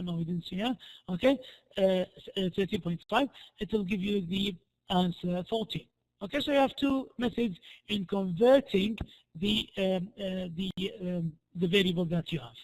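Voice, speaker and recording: A man lecturing through worked examples in a hoarse, worn-out voice, halting and often repeating and restarting his phrases. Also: sits high, low-quality recording. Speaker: programming lecturer.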